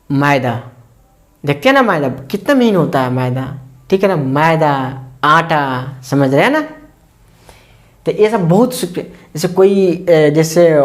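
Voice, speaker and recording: A teacher explaining a lesson step by step, asking short check-in questions and answering them, repeating key words slowly. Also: medium pitch. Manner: quizzing tone, constantly asks "ठीक है ना?" and answers own questions; slow, repetitive step-by-step explanation. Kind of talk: explaining English lesson to students.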